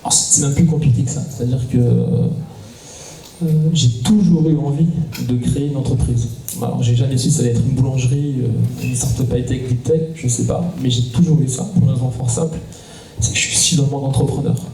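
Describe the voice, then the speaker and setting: A fortysomething man from southern France explains the startup he cofounded on a conference panel, leaning heavily on hesitant fillers. His medium-pitched voice is steady, creaky and mellow, moving a little fast. The round-table talk sounds echoey, recorded with a distant mic and faint noise in a conference hall.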